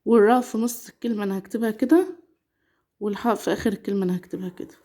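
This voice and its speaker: A young woman with an Egyptian accent teaching children to read, sounding out syllables slowly and often checking that the class is following. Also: medium pitch, warm tone. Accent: Egyptian Arabic. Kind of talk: children's reading lesson.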